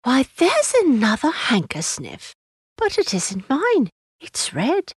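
A woman's voice: high voice, huge pitch swings, slow pace, husky, no echo, clean studio sound, pitched above the performer's own voice, full character voice. A woman voicing a curious little girl in a storybook, inquisitive and childlike. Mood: excited.

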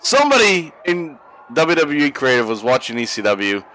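A man's voice: a little high, very animated, moderate pace, bright, forceful tone, poor audio. A young man co-hosting a podcast, watching old wrestling and chatting casually, profane and laughing a lot. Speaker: podcast co-host. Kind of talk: casual watch-along commentary.

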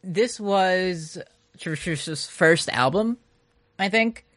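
A woman's voice: lowish voice, expressive, takes it slowly, no echo. A woman co-hosting a podcast in casual comedic banter, joking and riffing. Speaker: podcast co-host.

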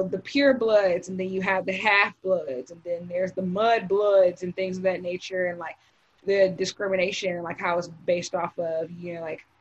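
A woman's voice: on the low side, lo-fi sound. A young woman from the United States in casual group chat on a podcast, talking in long runs with many fillers and restarts.

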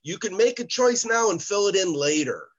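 A man's voice: high voice, animated, normal speed, highs cut off. A man chatting casually as a sports betting guest, heard over a video call. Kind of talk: casual chat.

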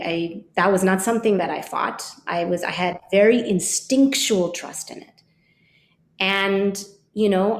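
Reflective woman interviewee, mid pitch, roomy echoey sound, animated retelling. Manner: reflective, animated, quotes her teacher in lively voices. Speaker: guest, Kathak dancer and teacher. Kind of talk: storytelling interview.

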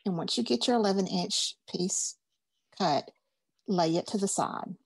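A woman's voice: medium pitch, measured pace, gravelly, husky, no echo. A woman, teaching a craft class in a chatty, upbeat, folksy way. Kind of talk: casual craft class instruction.

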